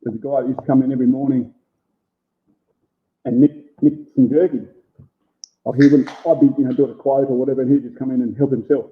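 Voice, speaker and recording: Guesting in a relaxed interview, a small food business owner with an Australian accent talks plainly and informally. He's medium-pitched with a steady tone, talks fast yet takes long pauses, and comes through thin, like over a phone.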